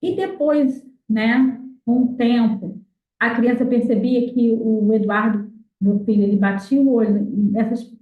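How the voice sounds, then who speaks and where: A Brazilian woman with a slightly high voice walks through her reading method patiently, pausing on fillers as she explains. She sounds far from the mic, in an echoey room, through thin phone-like audio. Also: steady tone. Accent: Brazilian Portuguese. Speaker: mother teaching her child to read. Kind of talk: explanatory talk on literacy.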